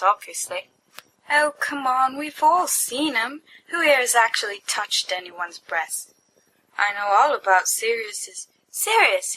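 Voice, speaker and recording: This amateur podfic reader has a slightly high, pushed, bright voice, captured in poor audio at home with a faint hum of background noise. She reads fiction in an animated, playful way, doing character voices for the dialogue of giddy young men.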